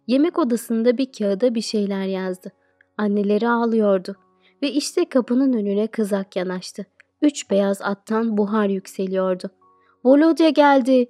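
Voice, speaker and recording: A woman teacher reading an audiobook aloud, narrating in a steady, expressive storytelling way. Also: mid-range voice, measured pace, no echo, soft background music.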